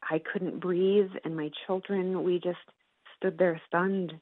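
A woman's voice: on the low side, little pitch movement, no echo. Woman telling a story over a tinny line. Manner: earnest, measured storytelling with long pauses. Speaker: psychology professor and author, guest. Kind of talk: interview, personal storytelling. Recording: tinny phone-like line, dry.

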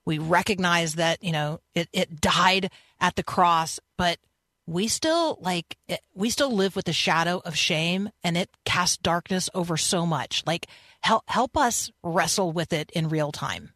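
A woman hosting a faith radio interview with a dry, close studio sound. Her voice sits a little low, and she talks in an earnest, conversational way. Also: measured pace, fairly bright tone, dry recording. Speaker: radio host.

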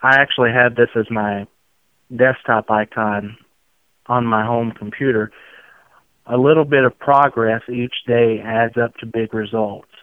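Southern guy with a slow easygoing drawl, smooth clear voice, sounds like a phone line, giving interview answers. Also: medium pitch, fairly even intonation, no room sound. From outskirts of Memphis, Tennessee. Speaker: interview guest. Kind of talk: reflective interview conversation. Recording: muffled narrow phone-like line.

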